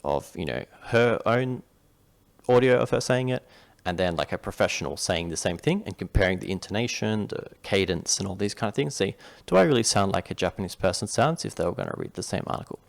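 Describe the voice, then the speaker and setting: A Western Australian man with an Australian accent talks viewers through a Japanese reading lesson over screen share, chatty and rambling, often restarting. He's the tutor, with a lowish voice, vocal fry, lively intonation, and a fairly quick pace.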